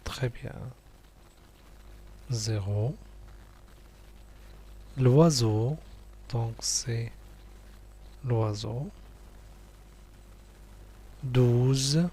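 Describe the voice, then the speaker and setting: A man teaching young pupils, going slowly through a worksheet, repeating each word and praising answers. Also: medium pitch, a little mellow, breathy edge. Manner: slow, patient, repeats words and praises answers.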